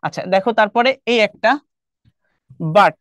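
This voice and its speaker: A man's voice: sits high, brisk, no echo, muffled recording. A young man with a Bangladeshi Bengali accent teaching an online English class, explaining step by step and quizzing his students often. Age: young adult.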